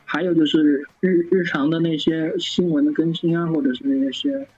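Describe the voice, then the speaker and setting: A man with a husky, slightly high voice answers questions as a podcast guest. He talks casually and keeps stumbling and restarting words. The recording sounds dull and lo-fi. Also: lively intonation, darkish tone. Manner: halting, many stammered restarts. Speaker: guest, fan site founder. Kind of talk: casual interview talk.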